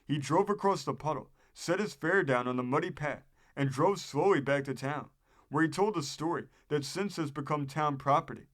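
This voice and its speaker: A man's voice: a little high, moderate pace, a bit bright. A man reading an old newspaper story aloud as scripted narration, as the host of a history program.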